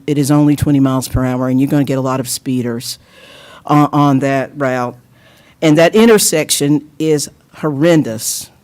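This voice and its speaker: An older woman from North Carolina giving an earnest, measured public comment at a council hearing, with a little wry humor. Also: low voice, a little mellow. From Lenoir, North Carolina. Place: city council chambers.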